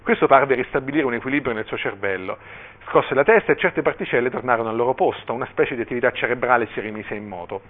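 Un uomo che legge ad alta voce un brano di romanzo con espressività, con qualche breve commento. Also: male voice, mid-range voice, fast talker. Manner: expressive reading with brief asides. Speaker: reader at a cultural event. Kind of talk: reading a novel excerpt aloud. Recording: tinny phone-like line.

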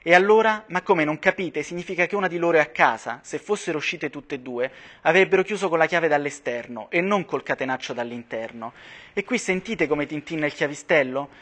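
A man reading aloud voices a quick-witted young man who urgently explains his reasoning, calling out and insisting. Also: fairly high pitch. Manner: insistent, shouting, explaining step by step.

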